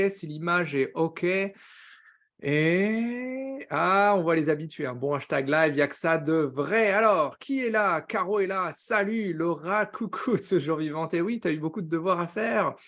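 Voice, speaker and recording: An energetic man runs a live coaching stream in a fast, upbeat patter. His voice sits a bit high for a man, and he peppers his talk with quick English words. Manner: says he talks very fast; upbeat, greets viewers by name, drops English words.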